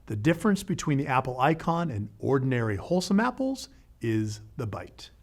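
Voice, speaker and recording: A man hosting an educational show, narrating a script in a lively way with playful asides. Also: mid-range voice, normal speed. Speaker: podcast host.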